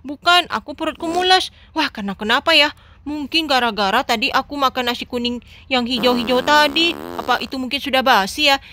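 A woman's voice: sits high, fairly quick, noisy background, lightly acted. A woman voicing a cheeky, lazy young man in a game role-play, whiny and full of excuses.

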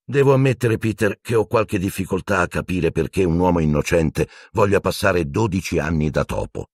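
A man voicing a middle-aged wizard teacher who speaks calmly and gently. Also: deep voice, breathy edge, no room sound, studio quality, full character voice. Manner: calm, gentle, measured.

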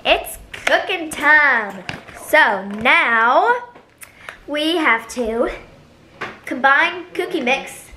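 A young American teenage girl chats informally in a casual cooking vlog filmed indoors in her home kitchen, the camera held at arm's length. Her voice sits high and bright, expressive and forceful, delivered extremely slowly, with a little hiss or hum.

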